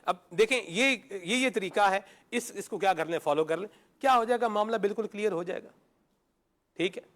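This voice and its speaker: A man's voice: high-pitched, a bit bright. A man. He explains through homely examples and answers his own rhetorical questions. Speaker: religious talk show panelist. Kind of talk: moral advice talk.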